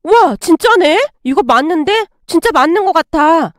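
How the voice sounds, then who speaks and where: A woman voicing an astonished young daughter who keeps exclaiming. The voice is high with lively swings. The recording is dry and close. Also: moderate pace, no echo. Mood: amazed. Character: young adult daughter of the house, amazed.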